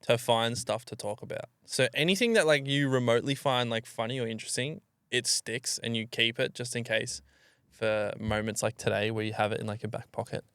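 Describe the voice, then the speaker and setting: A man telling stories in a relaxed way as a podcast co-host, swearing casually. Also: medium pitch, fairly quick, clear, resonant tone, no echo. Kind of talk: casual storytelling chat.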